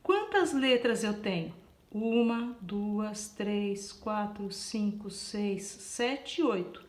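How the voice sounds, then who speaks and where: Slow, patient woman teacher, echoey room. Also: medium pitch, animated. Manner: spells out letters, counts aloud, keeps asking "tá?". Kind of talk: slow, patient classroom explanation.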